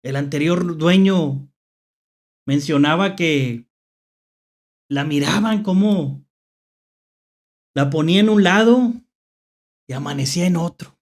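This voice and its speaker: Slow and given to long pauses, a mid-range voice with a Mexican accent hosts horror stories, telling spooky tales unscripted. The host hesitantly repeats phrases and checks in through rhetorical questions.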